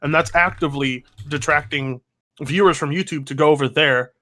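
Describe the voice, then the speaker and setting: Male podcaster, slightly high bright voice, casual and sweary. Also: normal speed. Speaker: podcast co-host.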